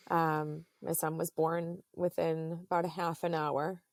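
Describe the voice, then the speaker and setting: A woman in her thirties, a podcast guest, telling a personal story in a halting, earnest way with many fillers. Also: low-pitched, level tone, dry recording, studio quality.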